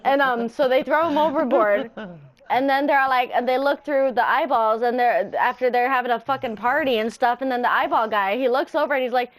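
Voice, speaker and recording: A woman's voice: high-pitched, brisk. A young woman casually retelling a story in a voice chat, rambling and swearing. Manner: rambling, swearing, laughing through it.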